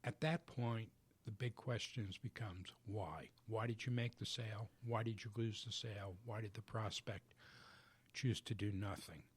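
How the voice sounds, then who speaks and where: A man guest on a business radio show in a studio, explaining his coaching work in a measured, methodical way. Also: fairly low pitch, fairly even intonation, breathy edge. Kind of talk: radio interview answers.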